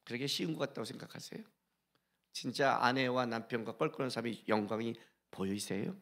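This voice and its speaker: A middle-aged male senior pastor preaching a sermon, urging his congregation with rhetorical questions and swinging between loud exhortation and hushed asides. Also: mid-range voice, a little fast, vocal fry. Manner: briefly sings a hymn line during the sermon.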